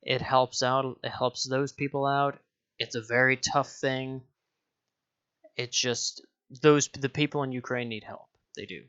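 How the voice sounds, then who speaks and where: Rambling young man, bright voice. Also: medium pitch, steady tone, measured pace, clear, resonant tone, highs cut off. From Denmark. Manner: rambling, swears casually, self-correcting. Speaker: YouTuber. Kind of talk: casual direct-to-camera vlog.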